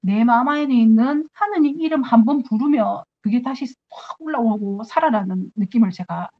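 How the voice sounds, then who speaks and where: Earnest nun giving a spiritual talk. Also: female voice, a little high, normal speed, highs cut off. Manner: earnest, acts out her own prayers to God.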